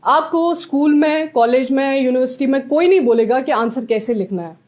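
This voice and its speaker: High-voiced young woman giving exam advice. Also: normal speed. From Jammu and Kashmir. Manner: animated, switches between Hindi and English mid-sentence. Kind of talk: motivational talk to students.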